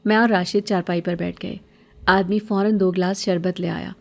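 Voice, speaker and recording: A woman telling a scripted horror story in steady, even narration. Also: mid-range voice, vocal fry.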